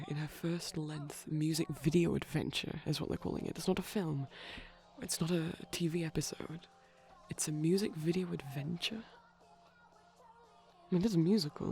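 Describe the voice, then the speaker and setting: A young adult performer plays a shy, nerdy boyfriend in a soft-spoken, casual ASMR ramble, eager yet hesitant. The voice is medium-pitched and gravelly at a moderate pace, with faint music in the background.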